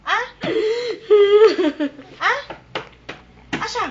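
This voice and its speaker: Speaking extremely slowly in a very high voice, a parent tries to comfort a crying relative, coaxing, pleading, and repeating the same questions. The muffled, noisy home video was recorded on a handheld camera's microphone.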